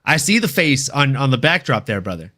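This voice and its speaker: A man's voice: medium pitch, big pitch swings, fairly quick, pushed and bright. A man co-hosting a live podcast, teasing and trash-talking the others. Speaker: podcast co-host. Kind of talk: casual banter on a live podcast.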